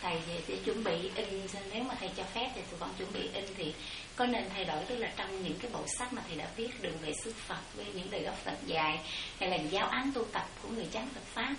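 Quick, deferential woman heard from afar with hiss. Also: medium pitch. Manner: deferential, long winding questions. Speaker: disciple preparing books for print. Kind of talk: polite questioning. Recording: distant mic, hiss, echoey room.

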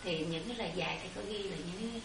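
A woman's voice: lowish voice, racing, vocal fry. A woman disciple politely asking her teacher long, winding questions about preparing books for print. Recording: distant mic, hiss, echoey room.

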